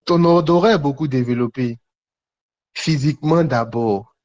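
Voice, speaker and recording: Talking to online viewers during a live prophetic teaching, this man preaches charismatically yet conversationally in a slightly mellow mid-range voice. Short phrases come back again and again for emphasis, separated by pauses, over dull, low-fidelity stream audio.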